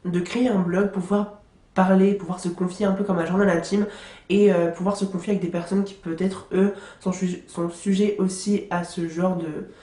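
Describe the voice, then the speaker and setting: Congested with a cold, this young book vlogger rambles through a casual monologue reviewing favorite books, often restarting and using fillers. She has a dark, fairly low-pitched voice, recorded in an echoey room.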